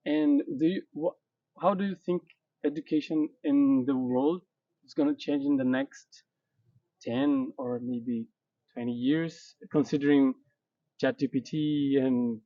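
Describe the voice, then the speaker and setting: Halting man asking questions from off-mic. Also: mid-range voice, steady tone, no room sound. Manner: halting, searching for words. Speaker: interviewer, school founder. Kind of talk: casual interview questions. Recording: distant, muffled mic.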